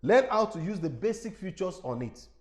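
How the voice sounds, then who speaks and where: Animated Nigerian preacher teaching. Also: male voice, sits high, normal speed. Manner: animated, repetitive teaching with rhetorical questions. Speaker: evangelist giving a webinar. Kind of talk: instructional webinar talk.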